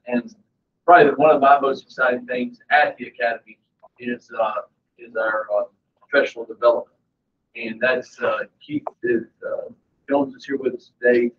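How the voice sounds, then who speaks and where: A man at an ordinary pitch speaks hesitantly at a board meeting, leaning on fillers as he goes. He is picked up from across the room, and the recording sounds dull and distant. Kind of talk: meeting remarks.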